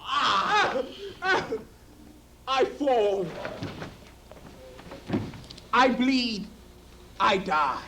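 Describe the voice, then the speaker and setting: A man playing a theatrical, gentle poet dragon in an overacted death scene for a storybook recording. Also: very high voice, very animated, drawn-out words, vocal fry, long pauses, noisy background, full character voice. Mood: melodramatic dying.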